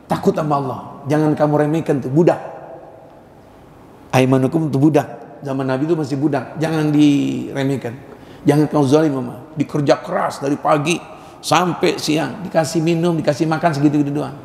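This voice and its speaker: A man preaching a sermon in a lively, joking way, acting out little dialogues between points. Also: fairly high pitch, normal speed, gravelly, a little hiss or hum. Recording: echoey hall with faint ambience.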